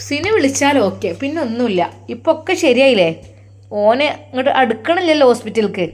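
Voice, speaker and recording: A woman's voice: sits high, lively intonation, fast. A woman playing a soothing, protective mother. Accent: Malappuram Malayalam. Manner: soothing, firm. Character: caring protective middle-aged mother.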